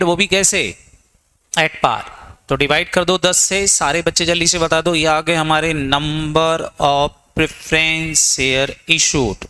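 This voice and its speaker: An Indian man gives an accounting lecture, firing questions at his students and pressing for quick answers. His voice is crisp, bright and a little high. He slips English accounting terms into his Hindi. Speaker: accounting teacher. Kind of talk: classroom lecture.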